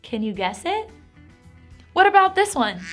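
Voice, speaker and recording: An animated, encouraging woman who teaches a Bible lesson to preschool children. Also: extremely high pitch, a little slow, loud music behind the voice.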